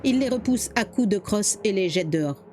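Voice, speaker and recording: A woman telling a dramatic true story as scripted narration, with expressive delivery. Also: medium pitch, brisk, a little hiss or hum.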